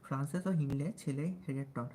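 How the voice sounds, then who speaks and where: A young man with a Bangal-tinged Bengali accent talks in a soft, sweet voice on a live stream. He reads study notes aloud and keeps asking his viewers whether they follow. A faint ambient hum runs underneath. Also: medium pitch, low-quality recording. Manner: deliberately soft, sweet way of speaking; chatty, often asks listeners if they follow. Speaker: livestreamer studying for exams.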